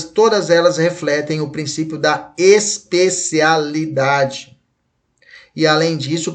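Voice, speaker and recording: A man with a Brazilian Portuguese accent teaching law in a recorded online lecture, chatty and keeps checking in with his students. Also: fairly high pitch. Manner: uses playful memory tricks.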